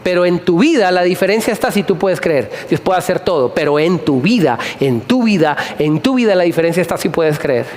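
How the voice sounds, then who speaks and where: High-voiced preacher, animated and repetitive. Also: male voice, fairly quick, few pauses. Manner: animated, repeating phrases and asking the congregation questions. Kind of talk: sermon. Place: church hall before a congregation.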